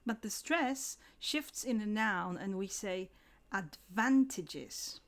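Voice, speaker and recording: A woman giving a scripted English lesson, slowing down to pronounce example words carefully. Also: medium pitch, lively intonation, fairly bright tone. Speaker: English teacher.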